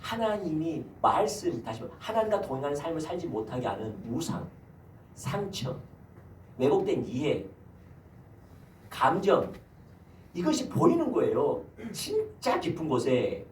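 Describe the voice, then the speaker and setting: In an echoey church sanctuary, a senior pastor delivers his Sunday sermon, posing rhetorical questions to the congregation from a distant mic. His voice sits on the high side and swoops wildly in pitch, a little mellow, somewhat slow with frequent pauses, over slight background noise.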